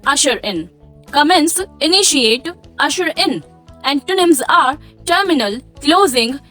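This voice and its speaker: A young Indian woman teaching English vocabulary, repeating each word slowly and mixing in Hindi explanations. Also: high voice, a bit bright. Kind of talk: slow dictation-style vocabulary lesson.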